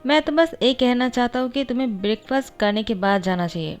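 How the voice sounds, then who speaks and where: Lady doing a flirty teasing bully guy, soft music under it. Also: a little high, lively intonation, brisk, clear, resonant tone, lightly acted. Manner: teasing, playful.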